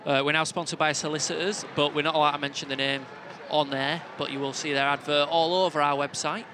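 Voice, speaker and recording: A man with a Northern English accent hosting a football podcast, deadpan and teasing in casual banter. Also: fairly high pitch, fast talker. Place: outdoors at a football ground. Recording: noisy outdoor stadium with traffic.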